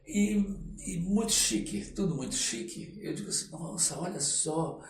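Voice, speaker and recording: An older man with a Brazilian accent, speaking as an interview guest, tells stories in an expressive, reflective manner and often uses tag questions to check in. His voice is fairly high and moderately paced, captured on a distant mic in a roomy space with faint noise.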